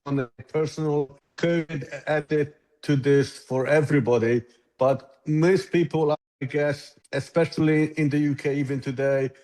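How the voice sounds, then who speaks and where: A man's voice: a little high, fairly even intonation, measured pace, a little mellow, low-quality recording. A Hungarian-born man in his sixties, a tech founder answering interview questions thoughtfully and often restarting his sentences. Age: 60s. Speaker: app founder and guest. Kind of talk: conversational interview.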